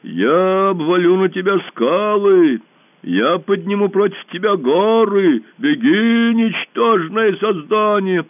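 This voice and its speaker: A slow-witted forest monster bellows each word in a hollow, drawn-out voice, as a man puts it on for a storybook. The sound is thin and phone-like, with no room around it. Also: sits high, animated, no room sound, voice pushed up. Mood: threatening. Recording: narrow phone-like band.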